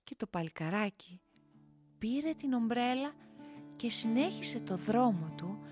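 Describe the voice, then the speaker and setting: A woman storyteller narrates a folk fairy tale with an expressive, lilting delivery. Her voice sits fairly high, and a clearly audible guitar plays behind her throughout. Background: guitar music.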